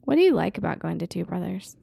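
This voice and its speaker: A middle-aged woman hosting a casual family podcast, asking her kids questions in a gentle, upbeat way. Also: lowish voice, sing-song, fast, vocal fry, slightly rough, no room sound, clean studio sound.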